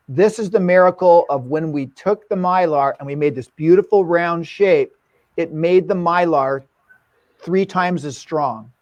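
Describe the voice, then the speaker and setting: A man teaching an online dental class with lively enthusiasm, putting questions to the audience again and again. His voice sits a little high for a man, and the sound is dry and close with no room around it. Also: dry recording, lo-fi sound. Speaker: dental lecturer. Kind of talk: online lecture.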